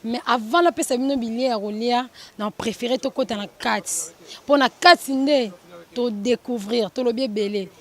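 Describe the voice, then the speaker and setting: A woman's voice: fairly high pitch, normal speed. A woman presenting a TV show report from a nightclub opening, switching languages as she talks, with plenty of fillers. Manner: code-switching, lively, with many fillers. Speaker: TV show host.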